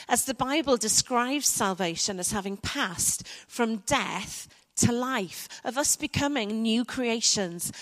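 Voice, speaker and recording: Woman, preacher, slow, unhurried sermon, long reverb from a church hall. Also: on the high side. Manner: slow, reflective delivery with soft dramatic pauses.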